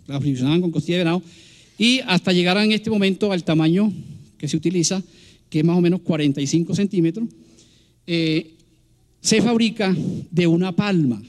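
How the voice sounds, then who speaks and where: Male biologist, high-pitched, explains slides in a patient, hesitant lecture style. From Colombia. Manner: explanatory, halting with fillers and restarts. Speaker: biologist guest speaker. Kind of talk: public science lecture with slides. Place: large public event hall.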